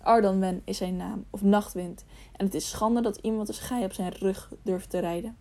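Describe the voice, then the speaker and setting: A woman's voice: medium pitch, steady tone, normal speed, mellow, close to an everyday voice. A woman reading the lines of a stern, commanding grey knight, questioning sharply and harshly.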